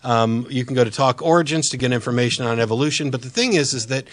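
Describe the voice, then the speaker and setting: A man's voice: mid-range voice, quick pace. A man hosting a live call-in debate, speaking in a blunt, insistent and argumentative way. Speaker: call-in show host.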